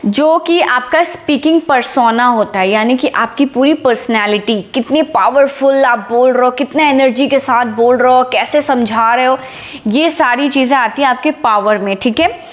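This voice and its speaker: A young woman with a high voice coaches viewers on public speaking in a relaxed, chatty teaching style. She talks with energy and keeps checking that her listeners are following. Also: normal speed. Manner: energetic, chatty, asks "ठीक है?" after each point. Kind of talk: casual teaching talk to camera.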